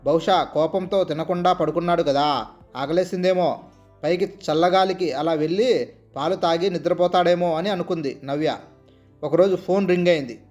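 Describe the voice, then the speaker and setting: High-voiced man narrating a story. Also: normal speed, soft background music. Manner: steady, expressive reading aloud. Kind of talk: narrating a family drama story.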